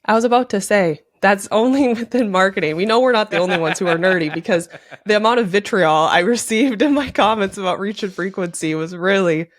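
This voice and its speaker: A woman's voice: mid-range voice, brisk, no echo. A woman hosting a podcast in casual chat, candid and self-deprecating. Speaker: podcast host.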